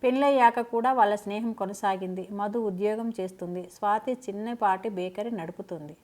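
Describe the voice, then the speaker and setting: A woman storyteller reads a family drama aloud in a scripted narration. Her telling is steady and dramatic, with a voice of ordinary pitch for a woman. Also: a little fast.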